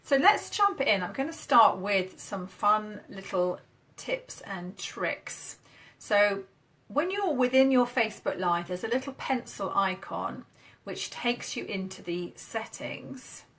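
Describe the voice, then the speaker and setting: A woman's voice: medium pitch, animated, takes it slowly, a bit bright. A woman from the UK, a marketing coach, chatting upbeat and casual on a live stream while demoing on screen. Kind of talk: casual Facebook Live chat.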